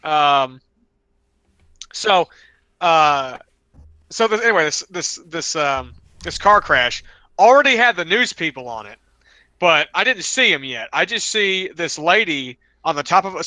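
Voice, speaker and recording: A man's voice: on the high side, animated, a little slow, bright, forceful tone, no room sound. A man co-hosting a podcast, telling a long rambling story in casual chat and often restarting his sentences. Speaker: podcast co-host.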